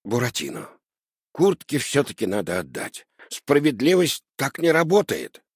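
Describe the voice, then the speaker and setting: A man voicing a kind, poor old father who speaks softly and soothingly. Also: fairly high pitch, animated, normal speed, breathy edge, no echo, clean studio sound, voice pushed up. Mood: pleading. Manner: soft, soothing, pleading.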